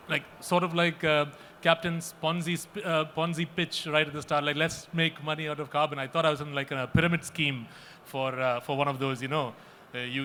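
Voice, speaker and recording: Earnest man, halting panel remarks. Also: on the high side, fairly bright tone, a little hiss or hum. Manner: earnest, repeats himself often, halting restarts.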